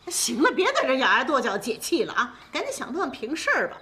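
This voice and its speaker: A bossy middle-aged mother talks loudly. Her voice is high and swings widely as she fusses and scolds in a family TV drama. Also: huge pitch swings, fast talker, noisy background. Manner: loud, bossy, fussing.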